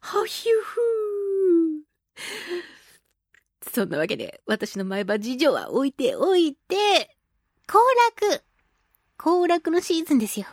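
A woman's voice: sits high, big pitch swings, a little slow, darkish tone, no echo, studio quality. A woman hosting a casual radio show who chats playfully, laughs often and acts out the voices she quotes. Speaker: radio show host and children's singer. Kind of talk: casual radio chat reading listener mail themes.

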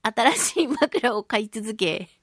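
Slow and expressive, her voice on the high side and slightly rough, a female voice actress reads listener letters on her chatty radio talk show. She stays close to the studio microphone with no room sound, playing things up theatrically with mock-polite wording.

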